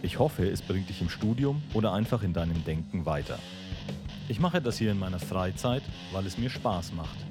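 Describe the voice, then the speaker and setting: A man reading literature aloud and speaking to listeners as a podcast host, calm and measured. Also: deep voice, music in the background. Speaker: audiobook reader and podcast host.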